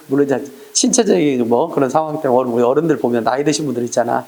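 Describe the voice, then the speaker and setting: A man's voice: mid-range voice, animated, brisk, warm tone, echoey room. A man teaching an exam-prep lecture, often asking his students questions and acting out short quoted exchanges. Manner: questioning, acts out little scenes with quoted voices. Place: lecture room.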